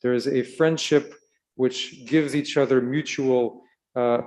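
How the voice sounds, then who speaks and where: A man who was born in Israel gives a gentle, storytelling sermon to children at a Shabbat service and asks them questions along the way. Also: mid-range voice, steady tone, slow pace. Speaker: rabbi. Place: synagogue sanctuary.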